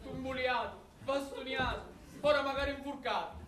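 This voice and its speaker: An actor playing an indignant, much-beaten servant with a Sicilian accent, lamenting in a stage comedy. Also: male voice, very high voice, steady tone, normal speed, a loud crowd. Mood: indignant, aggrieved. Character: indignant, beaten servant protesting his fate. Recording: distant, echoey, noisy theatre stage.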